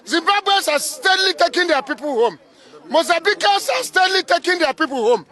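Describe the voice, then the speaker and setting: A man giving an impassioned, emphatic address outdoors in a city street, angry and shouting at times. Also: very high-pitched, animated, a little fast, a faint crowd. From Nigeria. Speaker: stranded migrant speaking out.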